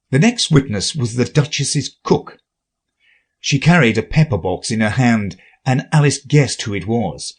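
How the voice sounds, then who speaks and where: A man narrating a storybook audiobook in a measured, expressive way. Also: on the low side, breathy edge.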